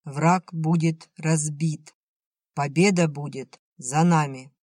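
A man voicing a solemn wartime radio announcer, slow and declamatory, in a storybook reading. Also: a little high, steady tone, darkish tone, no echo, studio quality.

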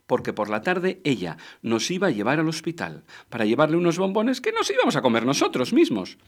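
A man from reads a children's story aloud. His voice is a little husky, and his pitch rises and falls a great deal. He plays with the words, getting loud and then hushed. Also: brisk. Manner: playful, lively, swings between loud and hushed. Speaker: storyteller and podcast host. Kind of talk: expressive reading of a children's story.

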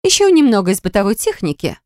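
Pushing her voice up, a woman narrating an audiobook performs a young wife's whiny wailing and pleading. The voice is mid-range yet fast and darkish, with huge pitch swings, and it's recorded cleanly in a studio with no room sound.

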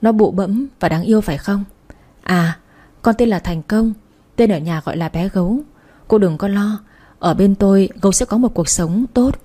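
A woman voicing a calm, controlled wife who coolly refuses to hand over the child. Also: mid-range voice, normal speed, natural voice. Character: cold calm wife who got her revenge.

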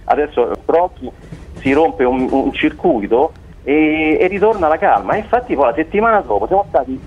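Male caller, Roman accent, slightly high and raspy, animated casual storyteller, narrow telephone sound. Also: normal speed. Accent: Roman Italian. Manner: animated storytelling, repeats words, swears. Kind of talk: casual anecdote, colloquial chat. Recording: tinny, narrow phone-like line.

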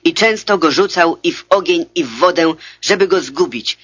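Desperate father begging read by a man, bright tone, dull lo-fi sound. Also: on the high side, animated, moderate pace, slightly rough. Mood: pleading. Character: desperate father pleading for his son. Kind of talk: scripted scripture reading. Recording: dull lo-fi recording.

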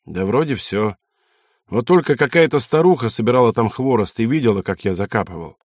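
A man's voice: medium pitch, expressive, a little fast, a little mellow, dry recording, studio quality, natural voice. A man doing a dutiful army corporal. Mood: deferential.

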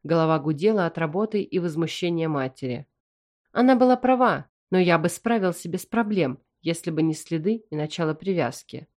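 A woman narrating a fantasy novel in first person with an even, measured reading. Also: fairly low pitch. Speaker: audiobook narrator.

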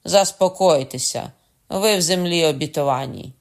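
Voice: mid-range voice, normal speed, gravelly, pitched above the performer's own voice, close to an everyday voice. Brief: reader doing a cool, scoffing innkeeper who does not back down. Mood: calm mocking. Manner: unruffled and sarcastic. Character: calm mocking middle-aged innkeeper. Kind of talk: audiobook character voice.

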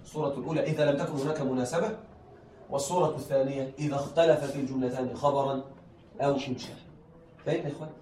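A man's voice: mid-range voice, steady tone, very fast, a little mellow. A male teacher explaining a grammar lesson to a class, often repeating himself and checking that his students follow. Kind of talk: classroom lesson on Arabic rhetoric. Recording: echoey room, voice from far off, faint background noise.

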